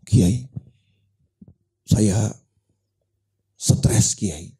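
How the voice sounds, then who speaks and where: Man playing a stressed debtor, low and dark, complaining, pleading. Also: steady tone, unhurried. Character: stressed indebted man seeking a preacher's advice.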